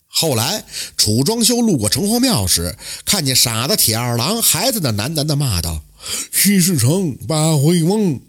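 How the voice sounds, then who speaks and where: A man narrating a traditional folk tale in a lively, dramatic storytelling manner. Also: mid-range voice, normal speed, few pauses, husky.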